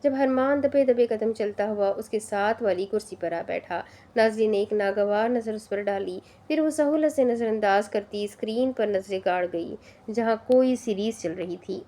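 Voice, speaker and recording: Woman narrator, audio novel reading, steady storytelling, mellow dark voice. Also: mid-range voice, hardly any pauses.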